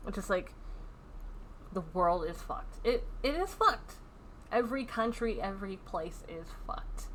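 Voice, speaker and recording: A woman's voice: mid-range voice, expressive, takes it slowly, long pauses, a bit bright, slight background noise. A woman vlogging about a painful personal story, stressed and upset, swearing heavily, sighing often and rambling with fillers. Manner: heavy swearing, frequent sighs, rambling with fillers. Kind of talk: candid personal storytelling vlog.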